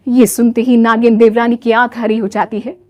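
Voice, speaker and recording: A woman's voice: fairly high pitch, level tone, moderate pace, warm tone, no room sound. A woman narrating a comic family story in a playful, self-correcting manner.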